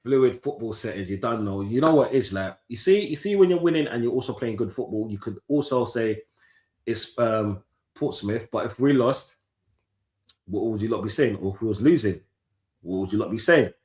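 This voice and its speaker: A man, streaming commentary on a football match live. He talks in animated, slang-filled banter, swears often and breaks into shouts. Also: fairly low pitch, moderate pace, echoey room.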